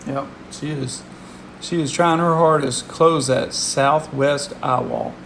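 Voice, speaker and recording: Slow-paced man over a loud steady hum. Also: fairly high pitch. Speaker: weather live streamer. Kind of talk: casual live weather commentary.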